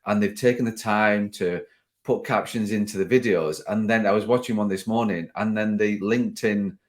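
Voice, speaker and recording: Man, podcast host, relaxed chat, low voice, conversational. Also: moderate pace. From northwest England. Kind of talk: casual podcast interview.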